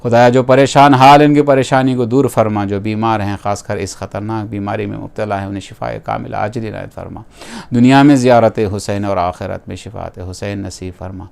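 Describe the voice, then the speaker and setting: A man, a cleric at a mourning gathering, delivering a sermon with impassioned, drawn-out lamenting passages and quieter, quicker prayers. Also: fairly low pitch, creaky. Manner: quiet, rapid prayer supplication. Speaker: Shia cleric preaching at a majlis.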